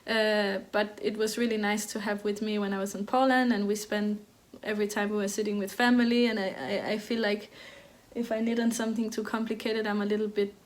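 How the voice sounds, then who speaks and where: Brisk and barely pausing, a mid-range female voice chats casually with an even, flat tone. The speaker is a Danish woman in her thirties hosting a knitting podcast, her talk hesitant and riddled with fillers and restarts.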